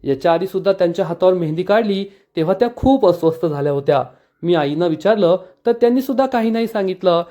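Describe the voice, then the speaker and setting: A man's voice: high-pitched, animated, fast talker, warm tone, muffled recording. A man voicing a young man from a TV drama, musing and questioning to himself. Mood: wondering. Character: puzzled young man wondering about a woman.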